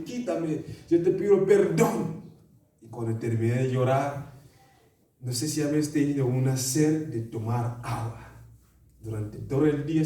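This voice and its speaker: A man's voice: mid-range voice, mellow. A man giving an earnest personal testimony in a church sermon, telling his story with many repeated phrases. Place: church meeting room. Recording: echoey church room from a distance.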